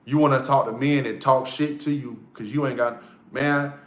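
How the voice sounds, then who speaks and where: A man's voice: medium pitch, fairly even intonation, normal speed. A man giving a casual motivational monologue, blunt and profane, repeating key lines for emphasis. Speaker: motivational vlogger. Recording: echoey room.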